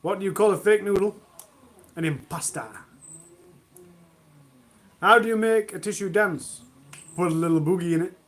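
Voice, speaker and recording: A man's voice: sits high, normal speed, long pauses, fairly bright tone. A man hosting a long charity livestream from home, reading out corny jokes and mocking them himself. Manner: self-mocking, groans at own jokes. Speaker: livestream host.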